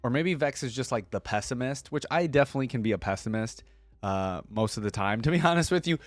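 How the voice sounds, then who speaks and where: Hosting a reaction channel, a man reads aloud and comments casually, thinking out loud with informal asides. His medium-pitched voice is animated and quick, and the recording is dry.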